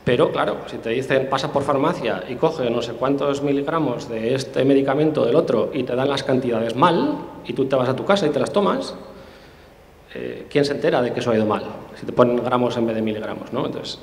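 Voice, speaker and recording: Recorded in a large hall with long reverb, a man with a brisk, mid-range voice speaks as an interview guest and tech specialist. His conversational explanation is thoughtful but marked by frequent hesitations and restarts.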